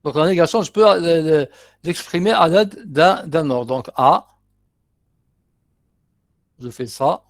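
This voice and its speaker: A man's voice: a little high, animated, takes it slowly, pauses often. Algerian-accented man teaching a class. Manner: explains step by step, repeats terms, mixes in short asides. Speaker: university teacher. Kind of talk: classroom lecture, working through exercises.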